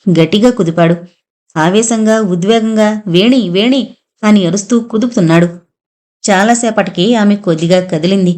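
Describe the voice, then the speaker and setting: A woman reading a horror thriller novel aloud as an audiobook narrator, in a steady, suspenseful storytelling manner. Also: mid-range voice.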